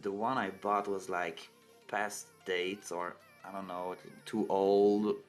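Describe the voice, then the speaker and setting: A man with a Québécois French accent, French his first language, chats in English on a livestream call. His voice sits low, and he pauses now and then to find the right words. Faint music plays behind him. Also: level tone. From Quebec, Canada. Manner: halting, searching for English words. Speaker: streamer. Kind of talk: casual chat on a livestream call. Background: faint background music.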